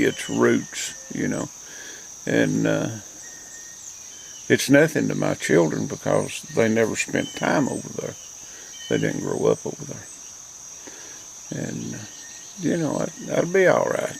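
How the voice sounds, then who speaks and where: An older, grandfatherly man from the Appalachian mountains of the southern US hosts a rambling, reflective front-porch monologue in a folksy, plainspoken mountain dialect. His voice sits on the low side and is creaky. The rough recording, made outdoors on a rural porch, carries insect and nature noise.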